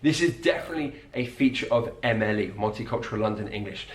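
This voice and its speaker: A man coaching on accents, explaining sound by sound in a calm, methodical way. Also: fairly low pitch, fast, roomy sound.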